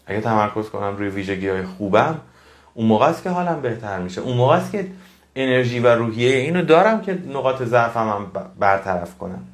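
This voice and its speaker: A man's voice: mid-range voice, animated, echoey room. A man giving a motivational talk to his audience, earnest and preachy, repeating phrases for emphasis. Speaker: motivational speaker.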